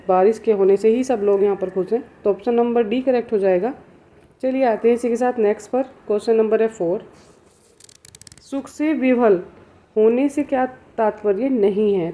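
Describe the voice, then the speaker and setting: A woman's voice: a little high, warm tone. A woman teaching an exam prep lesson, explaining step by step and asking herself rhetorical questions. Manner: slow, measured reading of verse lines.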